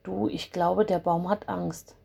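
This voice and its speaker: A woman voicing a tender-hearted little girl in a storybook, speaking softly and pleadingly. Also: lowish voice, fairly even intonation, measured pace, gravelly, breathy edge, exaggerated voice. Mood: concerned. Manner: soft, pleading.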